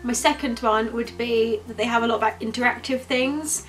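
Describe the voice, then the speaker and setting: A fairly high-voiced woman co-hosting a relaxed review vlog. She talks candidly and chattily and laughs easily, with soft music faintly underneath. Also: normal speed, low-quality recording. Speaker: vlogger co-host. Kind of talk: casual chat review.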